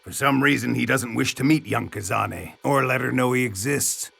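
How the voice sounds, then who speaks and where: A man voicing a composed, knowledgeable adult in an animated series, recounting the past in a measured, grave way. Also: medium pitch, vocal fry, husky, heavily acted. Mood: solemn.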